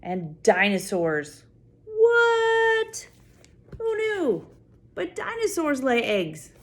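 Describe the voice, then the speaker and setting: Here a high-pitched older woman reads a picture book to children at a slow, lively pace. As a grandmother, she's expressive and wonder-filled, giving small kids simple explanations and dropping in spontaneous asides to a child.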